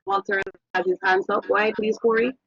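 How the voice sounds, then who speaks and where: A woman moderating an online seminar, relaying audience questions to the speaker in a hesitant, halting way. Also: mid-range voice, little pitch movement, no room sound. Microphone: video call. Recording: dry, muffled video-call audio.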